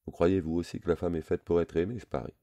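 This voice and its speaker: A man's voice: sits low, fairly even intonation, fast, dark tone, no room sound, pitched above the performer's own voice. A man voicing a sly, brash shady lawyer who teases and needles the other man. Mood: teasing. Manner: brash, teasing.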